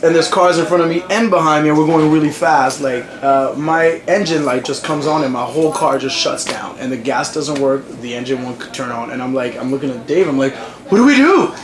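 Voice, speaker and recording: A young male musician from the Congo, chatting casually in an interview and telling stories with lots of fillers. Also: a little high. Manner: animated storytelling, frequent fillers. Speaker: musician guest. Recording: noisy crowd behind. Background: crowd chatter.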